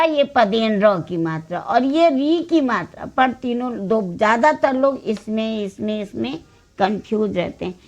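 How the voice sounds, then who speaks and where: A woman teaches small children, reading each word aloud in a long, drawn-out drill. Her voice sits a bit high. She moves very slowly, pausing between words, with brief explanations in between. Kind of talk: slow spelling drill for children.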